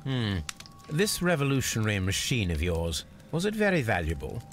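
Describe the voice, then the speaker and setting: A man's voice: fairly low pitch, wildly swooping pitch, moderate pace, slight background noise. An actor playing a composed male detective who questions witnesses politely and formally in a video game. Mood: calm inquiry. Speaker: investigator.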